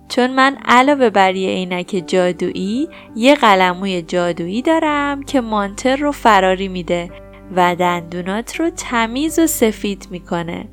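A woman voicing a kind, cheerful female dentist in a children's bedtime story, talking gently and reassuringly. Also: medium pitch, natural voice.

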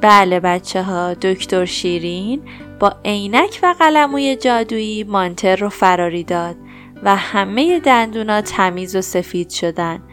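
A woman storyteller reading a bedtime story to children, speaking to them directly and affectionately. Her voice sits in a middle pitch, with faint music behind her. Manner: warm, addressing children directly.

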